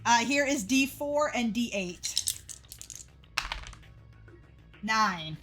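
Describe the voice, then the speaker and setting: A woman's voice: on the high side, expressive, slow, music in the background. A young adult woman chatting casually with her live stream audience, laughing easily. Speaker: game streamer. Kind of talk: casual livestream chat.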